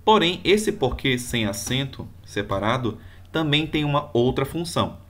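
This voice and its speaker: A man's voice: medium pitch, animated, moderate pace, fairly bright tone. A male teacher explaining grammar rules step by step, using example sentences. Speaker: Portuguese teacher. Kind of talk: video grammar lesson.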